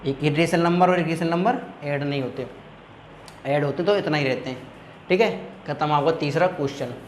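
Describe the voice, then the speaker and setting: A man's voice: a little high, moderate pace, roomy sound, slight background noise. A man tutoring maths, walking students through each step and checking often that they follow. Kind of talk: classroom maths lesson.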